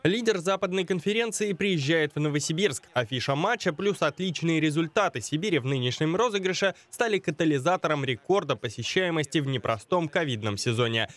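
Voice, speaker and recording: A man's voice: on the high side, no echo. A man narrating a scripted sports report as a reporter.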